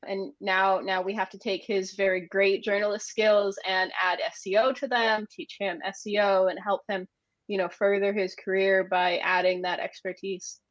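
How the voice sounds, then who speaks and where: An American woman from Maine, managing director of an agency, answers conversationally as an interview guest. Her voice is medium in pitch and a bit bright. The recording is dry and the audio dull.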